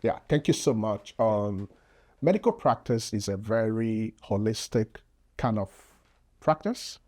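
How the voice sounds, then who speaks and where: A man with a Nigerian accent and a fairly low, darkish voice speaks unhurriedly with lively intonation. He's a public health physician appearing as a podcast guest, explaining things earnestly and patiently in a casual interview, full of fillers and restarts.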